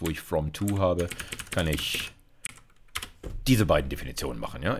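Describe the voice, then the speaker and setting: A university computer science lecturer in his fifties, with a very low voice and lively, swinging intonation, teaches informally while coding live at a computer desk indoors. He speaks conversationally, checking in with listeners often through frequent "okay" and "ja."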